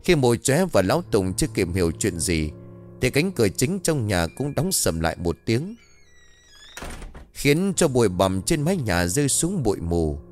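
A man's voice: mid-range voice, a little mellow. Man narrating a horror tale. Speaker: storyteller. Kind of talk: scripted horror story narration.

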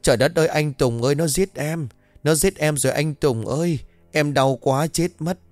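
A man's voice: deep voice, lively intonation, normal speed, no echo, soft background music. A man voicing a cruel, foul-mouthed woman who screeches insults and wails in a storytelling narration. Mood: wailing.

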